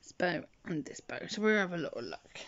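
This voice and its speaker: This doll-hobby vlogger's lowish voice swings widely in pitch and moves fairly quickly as she rambles and murmurs to herself while dressing a doll beside a bed at home. Her breathing is heavy and audible, and the slightly dull lo-fi phone audio carries a little hiss or hum.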